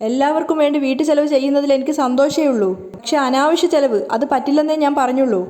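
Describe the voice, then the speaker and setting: A woman's voice: high voice, fast, warm tone, close to an everyday voice. Woman reading as a hot-tempered young man. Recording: long roomy reverb.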